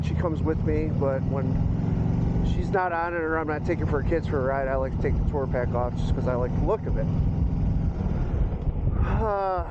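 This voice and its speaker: A man tells a story in a laid-back, rambling, conversational way as a motorcycle vlogger, talking inside a helmet as he rides. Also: mid-range voice. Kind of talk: casual storytelling motovlog while riding. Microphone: microphone inside a motorcycle helmet. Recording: muffled helmet mic, loud wind and engine.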